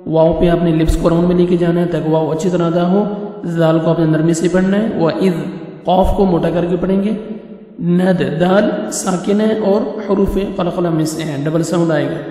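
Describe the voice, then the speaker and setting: A man from Pakistan teaching Quran reading word by word, spelling letters slowly and chanting the verses in drawn-out melodic recitation. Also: fairly high pitch, fairly even intonation, dark tone. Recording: very echoey with long reverb, faint music.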